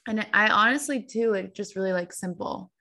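A young woman in her twenties talks in a loose, rambling way, dropping "like" into nearly every sentence. Her pitch sits in the middle for a woman. She sounds like a friend chatting on a podcast. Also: a little fast, creaky, pushed and bright. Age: 20s. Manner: chatty, full of "like" fillers. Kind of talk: casual chat.

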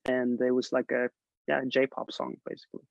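Heard through a dull, lo-fi, dry recording with no room sound, a young Swedish songwriter chats casually as an interview guest on a video call. His medium-pitched, gravelly voice moves at normal speed, and he is relaxed, laughing often with trailing fillers.

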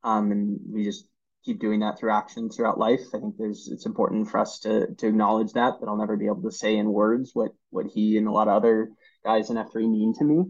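A man in his thirties, a podcast guest, telling stories in an earnest, halting way with many fillers and restarts. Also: lowish voice, level tone, slightly rough, lo-fi sound. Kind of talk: casual storytelling interview.

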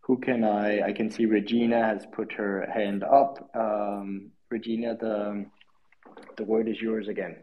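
A man moderating an online discussion, polite and halting with many pauses, heard over a video call. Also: on the low side, little pitch movement, muffled recording.

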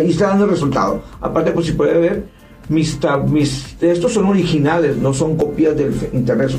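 Guest, mellow and dark, sits off-mic in an echoey room with faint music. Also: male voice, a little high, far from the mic. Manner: enthusiastic, repeats himself and restarts. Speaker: event organizer guest. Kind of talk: casual podcast chat.

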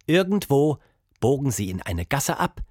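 A man narrating a children's audiobook in a lively, expressive reading style. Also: medium pitch, unhurried, no echo, clean studio sound. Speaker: storyteller.

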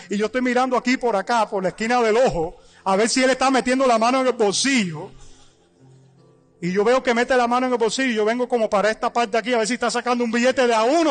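A man, a pastor preaching a sermon and telling a story with lively acted-out dialogue. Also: very high-pitched. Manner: animated storytelling, acting out dialogue.

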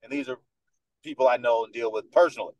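The audio is dull and echo-free as this thirtysomething New Yorker, a sports radio host with a Dominican American accent, speaks fast at a medium pitch. Chatting on a podcast as a guest, he's confident and animated, performing other people's dialogue as he goes.

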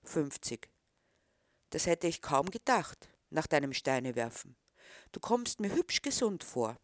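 A woman's voice: deep voice, sing-song, measured pace, no echo. A woman reading the part of a disapproving middle-aged man who questions a boy. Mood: stern.

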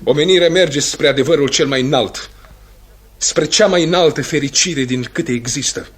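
An actor playing Trofimov, an idealistic eternal student who lectures earnestly, in a radio play. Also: male voice, fairly high pitch, fairly bright tone, husky.

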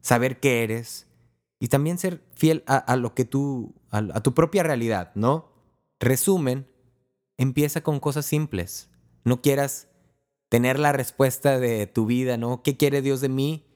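A man giving a casual spiritual talk, speaking in a relaxed, conversational way and acting out small prayers and dialogues. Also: medium pitch, unhurried.

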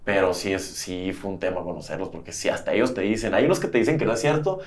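A young man from Mexico with a northern Mexican accent, chatting casually as a podcast guest, relaxed and laughing easily. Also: sits low, fast talker. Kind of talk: casual chat.

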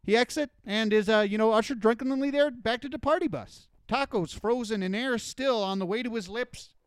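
A man on a podcast reading out a listener's story in a halting, filler-heavy way, full of "uh" and "you know.". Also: sits high, clean tone, no echo, studio quality. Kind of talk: casual podcast chat, dramatized story reading.

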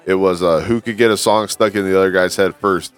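A man with a somewhat low voice chats casually as a podcast co-host. His talk is loose and slangy, full of friendly banter. Faint music sits behind him. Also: steady tone, fairly quick, clean tone. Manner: laid-back slangy banter, calls others dog and homie. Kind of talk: casual chat.

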